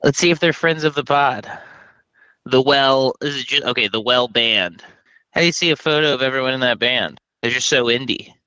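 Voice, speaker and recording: A man from Texas co-hosting a podcast, telling animated, profane, jokey stories in casual chat. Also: medium pitch, moderate pace, no room sound, highs cut off. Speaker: podcast co-host.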